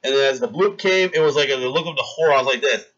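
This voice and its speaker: Live on stream, a thirtysomething man spins a long gross-out tale for his chat, delivering it animatedly and acting out the scenes. His voice is mid-range and very fast, and the audio comes through dull.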